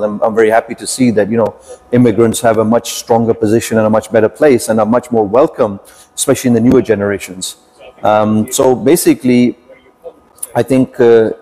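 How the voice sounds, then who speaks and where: A man in his fifties, a podcast guest telling his story in a measured, reflective way with frequent pauses. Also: medium pitch, mellow. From United Kingdom. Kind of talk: podcast interview.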